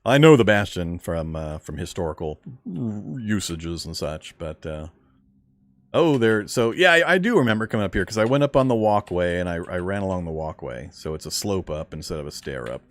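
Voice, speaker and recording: Big pitch swings mark the low voice of a man streaming a game and casually responding to his viewers' questions. He speaks at a moderate pace with a fairly strong voice.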